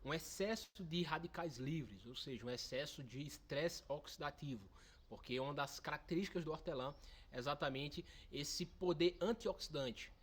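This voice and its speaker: A man, answering interview questions as a nutritionist. He explains with eager enthusiasm. His voice sits a little on the high side. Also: normal speed, husky. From Brazil's Northeast, Pernambuco. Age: 20s. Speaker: nutritionist guest.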